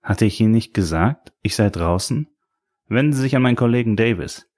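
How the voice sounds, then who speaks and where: A man's voice: lowish voice, lively intonation, brisk, a little mellow, lightly acted. A man voicing a tipsy woman detective who answers with snappy, sarcastic retorts in an audiobook. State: drunk.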